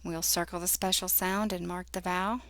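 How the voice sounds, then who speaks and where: A woman teaching a phonics lesson, sounding out words letter by letter in a patient, deliberate way. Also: on the low side, steady tone, fairly bright tone, dry recording. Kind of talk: slow instructional phonics lesson.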